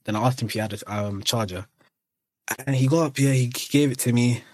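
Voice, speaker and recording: Young guy rambling thru a story, lots of restarts, mid pitch, dry close sound. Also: a little fast, dry recording. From Eritrea and Sudan. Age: young adult. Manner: rambling anecdotes with many restarts. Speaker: podcast guest. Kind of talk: casual chat, storytelling.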